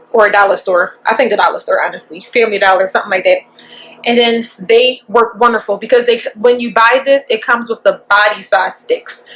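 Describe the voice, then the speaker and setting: A woman's voice: mid-range voice, a bit bright, slight background noise. A young woman, chatting loosely through an at-home beauty tutorial in her kitchen and swearing casually. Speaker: beauty vlogger.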